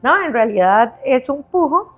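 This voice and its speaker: Patient, higher-voiced woman explaining. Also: sing-song, unhurried, a bit bright, dull audio. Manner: patient, explains step by step, often asks "¿verdad?". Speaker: health specialist guest. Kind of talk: explanatory podcast conversation.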